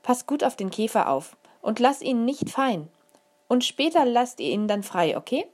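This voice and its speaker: A kindly storybook mother who explains things patiently and brightly, as a woman reading aloud puts her on. Her voice rides well above the reader's low narration and moves with a lively lilt. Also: moderate pace. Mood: cheerful. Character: warm, careful mother of a small girl.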